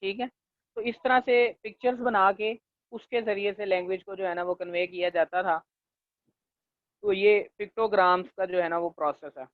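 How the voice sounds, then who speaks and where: A male linguistics lecturer teaching a class, leaning on fillers and checking in often, and slowing down to dictate definitions. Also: sits high, fairly even intonation, no echo. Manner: leans on the filler "jo hai na" and checks in with "theek hai"; slows down to dictate English definitions. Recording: tinny, dry, phone-like recording.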